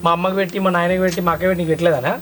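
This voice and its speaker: A man's voice: sits high, level tone, rapid-fire, lightly acted. A young man with a Telangana accent acting as a village son about to leave home, teasing his family in a comedy skit. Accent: Telangana Telugu. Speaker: son leaving for abroad. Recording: music playing behind the voice.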